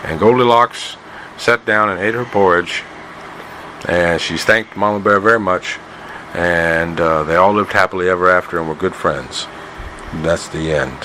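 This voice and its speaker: A man's voice: sits low, unhurried, sharp tone, a little hiss or hum, low-quality recording. A man telling his daughter a playful, folksy improvised bedtime story.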